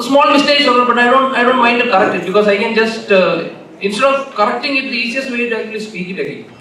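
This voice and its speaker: Echoey, higher-pitched man with Malayalam accent. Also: sharp tone. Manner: halting, repeats phrases. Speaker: keynote speaker. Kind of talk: informal conference talk with anecdotes. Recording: echoey hall, distant mic, faint noise.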